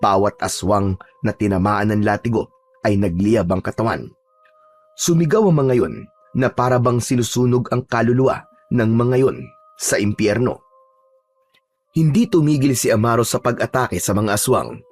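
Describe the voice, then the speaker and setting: A man narrating a scripted horror story in a steady storytelling manner. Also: fairly low pitch, moderate pace, long pauses.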